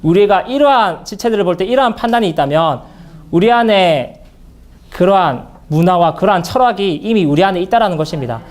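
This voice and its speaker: Earnest high-voiced man giving a sermon. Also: lively intonation, a little mellow. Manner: earnest, halting, frequent fillers and restarts. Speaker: seminar speaker. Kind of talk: church Bible seminar message.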